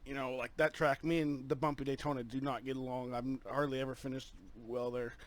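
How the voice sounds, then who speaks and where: Speaking over a voice-chat headset, a sim racing driver gives a halting, earnest interview after winning a race, filling it with fillers. His voice is medium in pitch with little pitch movement.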